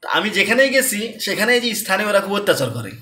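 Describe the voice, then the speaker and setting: A man with a bright, forceful voice that sits a little high for a man. He talks casually, going over his points again and again and checking in with the listener as he goes. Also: big pitch swings, fast. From Bangladesh. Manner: conversational, repeats points, tag questions. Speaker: lecturer. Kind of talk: casual personal talk.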